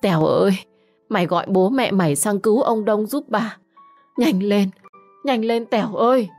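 A woman's voice: on the low side, moderate pace, faint music behind, lightly acted. A woman voicing a frantic older village wife, crying out and wailing for help in a Vietnamese folk tale. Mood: urgent.

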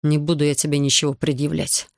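A man's voice: on the high side, flat delivery, brisk, no echo, studio quality, close to an everyday voice. A man voicing a proud, hot-tempered officer who argues insistently. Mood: furious.

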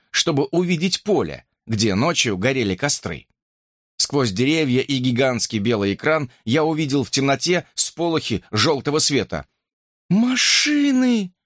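A man narrating an audiobook in an expressive, animated reading. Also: medium pitch, no room sound, clean studio sound.

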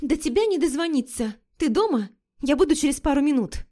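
In a raised, expressive voice that is high yet dark in tone, a woman performs the role of a brash, flighty young woman friend. The character stays cheeky and chatty, full of slang and quick to feel insulted.

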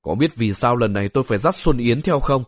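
A man voicing a proud older male puppet master in an audiobook, speaking in a lazy, haughty, deliberate way. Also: medium pitch, expressive, natural voice.

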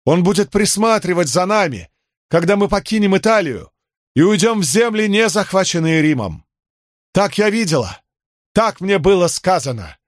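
A man reading an audiobook, voicing a commanding female priestess who proclaims her visions slowly and solemnly. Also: sits high, animated, no echo, studio quality, voice pushed up. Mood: exalted proclaiming. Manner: slow, exalted, declamatory.

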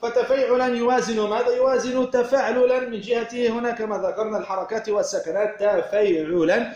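A man's voice: extremely high pitch, fairly even intonation, fast, a little mellow, reverberant, muffled recording. A man teaching Arabic word patterns from a verse text, repeating key words and asking questions he then answers himself. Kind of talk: explaining a verse text line by line.

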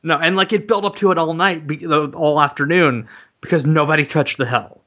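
A man's voice: a little high, fairly quick, sharp tone. A man chatting casually on a podcast, wry and sarcastic as he jokes along. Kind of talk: casual comedic chat.

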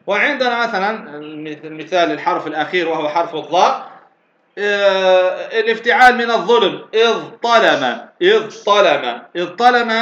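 Guy teaching grammar, high voice, keeps repeating words, lo-fi muffled sound. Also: fairly bright tone. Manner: repeats key words slowly, frequent fillers and restarts. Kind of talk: classroom lecture on grammar. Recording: roomy, dull lo-fi recording.

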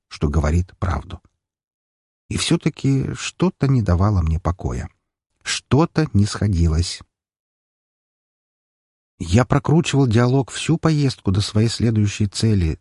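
Husky, low-voiced male audiobook narrator. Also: warm tone, no echo, studio quality. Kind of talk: first-person audiobook narration.

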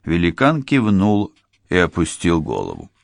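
A man narrating an audiobook with an even, measured reading. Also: sits low, vocal fry, dry recording, studio quality. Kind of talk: scripted narration.

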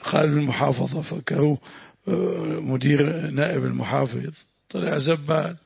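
A man's voice: fairly high pitch, normal speed, no echo. A man with a Damascene accent teaching a lesson on Quran commentary as a sheikh, telling anecdotes and exclaiming pious phrases. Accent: Damascene Arabic. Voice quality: gravelly and raspy. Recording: dull lo-fi dry recording.

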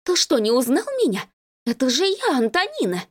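A woman voicing a jealous young woman chattering fast and shrilly on the phone. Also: very animated, slightly rough, heavily acted. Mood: suspicious, shrill. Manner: rapid, shrill, accusing.

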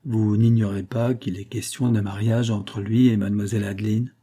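A man's voice: on the low side, level tone, normal speed, dark tone, husky. A man voicing an anxious, tearful older mother in an audiobook reading, speaking in a pleading, emotional way.

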